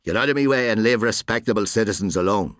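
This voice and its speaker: A man's voice: lowish voice, quick pace, a bit bright, no echo, studio quality, close to an everyday voice. A man doing a withered, curt old postman. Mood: scornful. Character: small withered weary old male postman.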